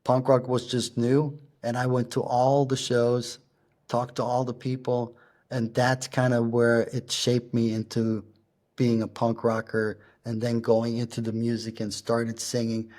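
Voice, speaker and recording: A middle-aged man speaks as an interview guest in a flat, even tone that barely rises or falls. His talk is halting and unpolished, full of pauses as he searches for the next word. Now and then he slips in a German word. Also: medium pitch. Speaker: guest, punk rock singer. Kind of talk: casual interview storytelling.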